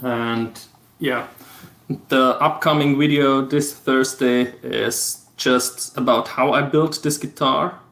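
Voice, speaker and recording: A livestream host from Vorarlberg, Austria, whose first language is German, speaks English with an Austrian German accent. He explains things step by step in a halting, low-key way, his voice steady, gravelly and a bit bright. The recording has a roomy echo.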